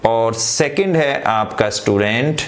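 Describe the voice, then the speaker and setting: A man teaching chemistry. He mixes English terms into Hindi, often checks in with his students and dictates headings slowly. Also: mid-range voice, slight background noise. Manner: slows right down to dictate headings. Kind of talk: online class lecture.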